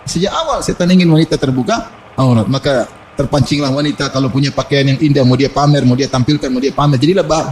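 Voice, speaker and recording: A man preaching a sermon, animated, with humorous asides and quoted Arabic verses. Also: medium pitch, slight background noise. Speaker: Islamic preacher.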